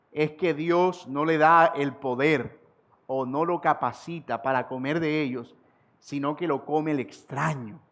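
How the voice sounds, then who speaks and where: Preaching an expository sermon, this pastor's voice sits a little high. He slows down to repeat important sentences for emphasis, and his intensity climbs whenever he poses a rhetorical question.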